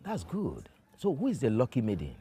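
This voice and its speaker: An actor playing a stately, amused village king, a man with measured, regal speech and a Nigerian accent in a film drama. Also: medium pitch, wildly swooping pitch, dark tone, slight background noise. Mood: curious.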